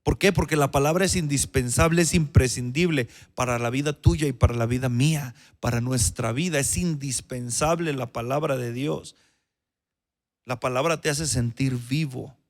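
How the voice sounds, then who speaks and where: A male pastor preaching a sermon, swinging between raised emphatic lines and low quiet ones, repeating phrases and putting questions to the congregation. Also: moderate pace.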